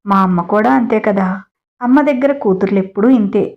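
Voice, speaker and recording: A woman's voice: mid-range voice, fairly quick, close to an everyday voice. A woman voicing a polite, dutiful young daughter-in-law in a read-aloud family story. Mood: puzzled. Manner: gentle, respectful. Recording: dull lo-fi audio.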